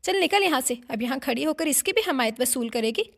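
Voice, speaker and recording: Woman narrator doing a spiteful screaming auntie, high and loud. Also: expressive, fairly quick, creaky. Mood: furious. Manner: shouting, scornful. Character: furious spiteful middle-aged aunt.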